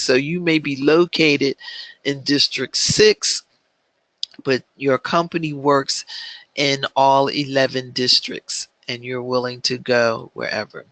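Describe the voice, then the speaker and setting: Slow, bright-voiced male class instructor. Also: medium pitch, no echo. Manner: measured, with frequent filler ums. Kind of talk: online class lecture.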